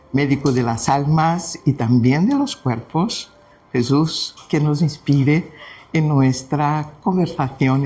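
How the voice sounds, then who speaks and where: Speaking Spanish with a Brazilian Portuguese accent, this Portuguese-speaking man from Brazil presents a spiritist study session in a mid-range voice. His devotional talk includes a story, delivered softly and unhurriedly with many pauses.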